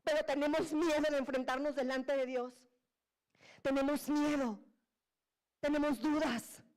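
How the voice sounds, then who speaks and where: A woman preaching a sermon, telling the story in a lively, colloquial and humorous way and acting out the voices of the disciples. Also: high voice, measured pace.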